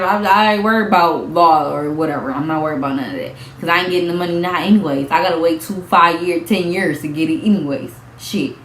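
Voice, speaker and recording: A young woman, telling a casual storytime vlog with lively, animated delivery and frequent laughs. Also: fairly low pitch. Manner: animated storytelling, acts out quotes, laughs often. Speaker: vlogger. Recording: echoey room, faint background noise.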